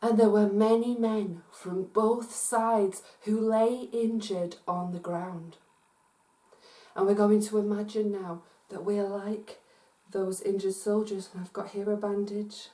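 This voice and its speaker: A woman's voice: mid-range voice, takes it slowly, recorded from a distance. A woman from Scotland leading an interactive, multi-sensory story for children, speaking directly to listeners at home and encouraging them to join in. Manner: animated, encouraging, talks straight to listeners at home. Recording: roomy echo, voice from off-mic.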